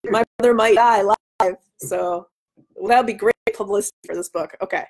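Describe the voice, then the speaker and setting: Nasal from a cold, a woman in her thirties speaks at a moderate pace in a mid-range voice while hosting a live book reading with casual chat. She's in a small room at home, with a webcam at arm's length serving as the microphone.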